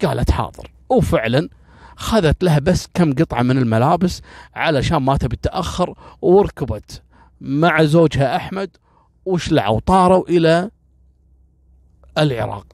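A man telling a folk tale in a lively, colloquial way and voicing the characters himself. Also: a little high, moderate pace, long pauses, no room sound, clean studio sound. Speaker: storyteller. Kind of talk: oral storytelling.

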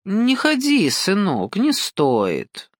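A sly, domineering older man voiced by a woman narrator leans in with slow, coaxing menace. His speech is drawn-out and patronizing, delivered in a dry, close-miked audiobook sound. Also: medium pitch, huge pitch swings, dry recording, exaggerated voice. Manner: slow, coaxing, patronizing, keeps saying "son".

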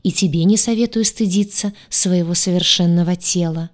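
A confident male ruler from a fantasy romance, dreamy and teasing, as a woman narrator voices him. The voice is somewhat low and stays close to her own reading voice. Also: normal speed, natural voice.

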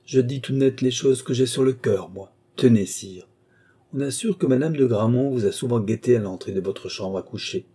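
A man's voice: mid-range voice, moderate pace, dark tone, slightly rough, natural voice. A man voicing a proud, witty young royal mistress in an audiobook, sulky and mock-indignant. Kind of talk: audiobook character reading.

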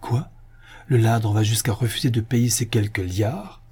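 A man voicing a pompous, quick-tempered official with a booming, scornful manner. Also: mellow, breathy edge.

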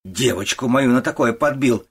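A man with a husky voice voicing a harsh, scolding old working-class mother in an audiobook, shouting and contemptuous. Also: medium pitch, fairly quick, pitched above the performer's own voice, close to an everyday voice. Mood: furious. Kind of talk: audiobook character voice.

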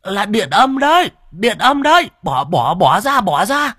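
A man voicing a bossy, gruff old male village shaman who barks orders and scolds. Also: sits high, sing-song, unhurried, pushed and bright, no room sound, studio quality, pitched above the performer's own voice, exaggerated voice. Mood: alarmed. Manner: barking, scolding, urgent.

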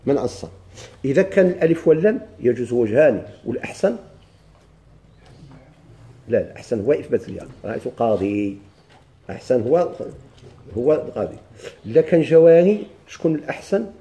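A man with a Moroccan Arabic accent leads a grammar lesson in a very dark, mellow voice. He quizzes the class, then answers his own questions, and reads lines of the text slowly. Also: mid-range voice, big pitch swings. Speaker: grammar teacher.

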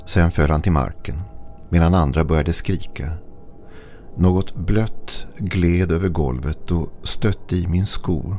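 A man with a gravelly voice reading a scripted horror story in a low, hushed, suspenseful way. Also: slight background noise. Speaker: narrator. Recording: narration over faint music.

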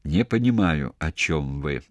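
Stubborn wounded commander, hoarse and faint, read by a man in an audiobook. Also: lively intonation, unhurried, no echo. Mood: weak. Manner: quiet, low, barely moving lips. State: hoarse and weak. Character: beaten male battalion commander prisoner, stubborn.

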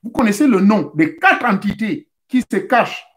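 Male spiritual teacher, high voice, didactic, talks straight to listeners, repeats steps. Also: lively intonation, moderate pace, a bit bright. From Central Africa. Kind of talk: instructional talk.

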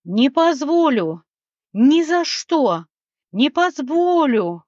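A woman's voice: high voice, big pitch swings, very slow, a little mellow, no echo, pitched above the performer's own voice, heavily acted. A woman reading an audiobook, voicing a greedy male gnome who squeals and shrieks. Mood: shrieking furious. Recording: dry, slightly muffled recording.

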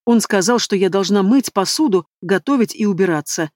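A woman's voice: mid-range voice, animated, fairly quick, a little mellow, dry recording, studio quality, natural voice. A woman voicing a young newlywed who wails and sobs through tears, indignant and heartbroken, in a storybook reading. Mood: sobbing. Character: sobbing young woman, newly separated bride.

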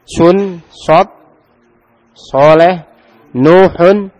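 This Islamic teacher, whose accent is Indonesian Javanese, draws out his words in a high-pitched, slightly mellow voice. He's teaching Arabic grammar, testing his students and urging them to read aloud.

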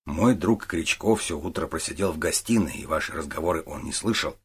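A man voicing a calm, methodical middle-aged detective who questions patiently in an audiobook. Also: extremely low pitch, brisk, slightly rough, exaggerated voice. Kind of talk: audiobook character voice.

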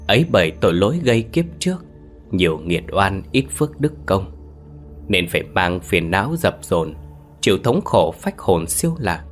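A man voicing an old village exorcist with a hoarse voice who speaks and chants solemnly. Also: low-pitched, natural voice.

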